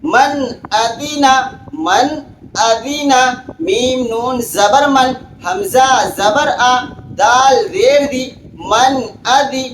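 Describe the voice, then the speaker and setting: A man teaching Quran reading, spelling each word out letter by letter and reciting it slowly. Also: very high voice, fairly bright tone. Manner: slow drawn-out recitation between quick explanations. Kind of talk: spelling out Quranic words for learners. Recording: echoey room with faint background hiss.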